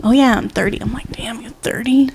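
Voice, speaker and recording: A woman's voice: on the high side, a little fast, creaky, darkish tone, a little hiss or hum. Giggly woman in her twenties. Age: 20s. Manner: giggly, storytelling with quoted asides. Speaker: podcast co-host. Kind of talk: casual chat.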